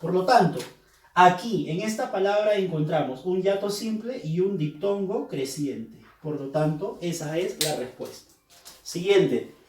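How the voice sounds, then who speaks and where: With a slightly high, darkish voice and lively intonation, a male teacher works patiently and a bit slowly through a review lesson, repeating every key term to make it stick. The mic seems set at a distance, giving a roomy echo.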